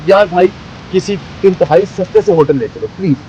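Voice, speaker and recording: An actor playing a flustered young newlywed husband in a TV drama, pleading and repeating himself. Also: male voice, sits high, moderate pace, dark tone, lo-fi sound, natural voice. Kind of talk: TV drama acting.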